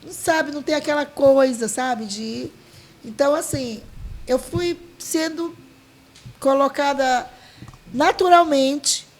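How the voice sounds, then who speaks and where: High-voiced woman. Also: takes it slowly. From Maranhão, Brazil. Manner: heartfelt, full of restarts and quoted dialogue. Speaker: guest, leader of a folk dance group. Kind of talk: emotional storytelling.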